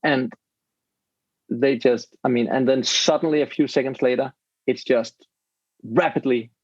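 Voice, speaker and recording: A Danish-speaking man, described as a podcast guest and also labeled as a podcast host, casually tells a story in English, searching for words and restarting sentences. His medium-pitched voice is fairly even at a measured pace, and the sound is dull, lo-fi and dry with no echo.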